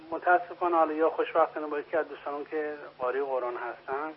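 A man calling a radio show who asks his question politely, hesitantly and with some worry. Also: fairly high pitch. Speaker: caller. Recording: dull radio sound with faint hum.

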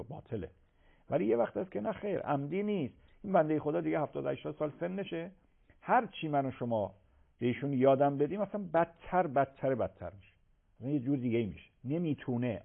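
A man, a religious scholar answering viewers' questions on a live call-in program, emphatic and swinging between loud and soft. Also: on the high side, creaky. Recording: tinny phone-like broadcast audio.

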